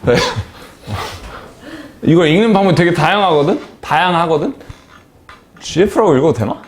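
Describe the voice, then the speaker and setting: A male math teacher lecturing a classroom, his pitch a little high and very lively, bouncing up and down. He keeps things chatty, calling on students by name and joking between points. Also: moderate pace.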